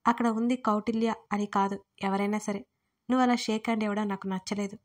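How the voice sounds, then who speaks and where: A woman voicing a teasing, possessive young man in a storybook reading, firm and calm. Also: mid-range voice, fast talker, close to an everyday voice.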